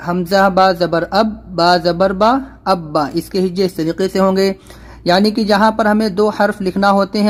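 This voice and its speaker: A high-voiced man leads a beginners' Quran reading lesson. He is patient and repeats each spelling slowly and firmly. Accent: Urdu. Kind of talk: step-by-step recitation lesson.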